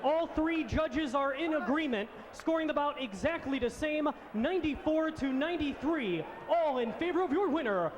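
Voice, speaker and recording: A man's voice: extremely high pitch, lively intonation, moderate pace, noisy background. A man working as a ring announcer, formally announcing a fight decision.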